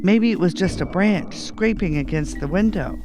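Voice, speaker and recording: A man voicing a sweet, gentle young female cartoon mouse, earnest and reassuring, in a storybook reading. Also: sits high, moderate pace, background noise, voice pushed up, close to an everyday voice. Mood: uneasy.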